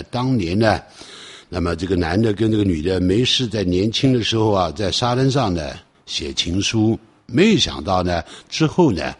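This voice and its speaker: A husky, fairly low-voiced man explains song lyrics line by line in a lesson. His pitch moves a lot as he stresses points and slows down for each English phrase. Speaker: English teacher.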